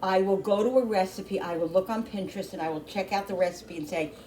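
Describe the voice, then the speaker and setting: A woman's voice: mid-range voice, fast talker, dark tone, slight background noise. A middle-aged woman hosting a home cooking channel, chatting casually as she cooks, rambling with lots of restarts. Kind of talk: casual chat while cooking.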